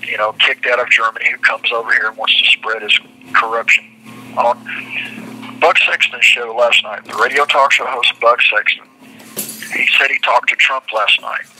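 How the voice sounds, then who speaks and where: A man's voice: medium pitch, fairly even intonation, moderate pace, pushed and bright, slight background noise, low-quality recording. A man speaking indignantly and emphatically on a prison phone, as an inmate calling out from jail. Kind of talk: impassioned phone talk. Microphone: telephone.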